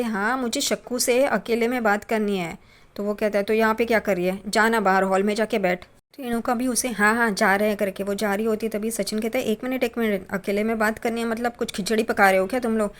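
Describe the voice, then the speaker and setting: A woman casually retelling a TV serial episode, briefly voicing each character's lines. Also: medium pitch. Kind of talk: casual storytelling recap.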